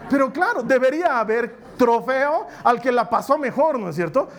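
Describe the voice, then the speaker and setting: A man preaching a conversational sermon, telling humorous personal stories and slowing down to stress key points. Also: very high-pitched, expressive, fairly bright tone. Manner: humorous, storytelling, slows for emphasis.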